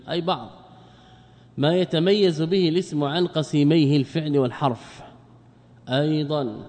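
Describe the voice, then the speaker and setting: A man's voice: on the high side, warm tone. A male grammar teacher giving a classroom lecture, explaining a text line by line, repeating words and asking and answering his own questions. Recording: long reverb, hall echo.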